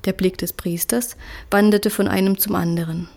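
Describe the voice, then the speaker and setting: A woman's voice: mid-range voice, steady tone, creaky, darkish tone. Woman narrating a story. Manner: measured storytelling reading. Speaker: audiobook narrator. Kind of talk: scripted narration.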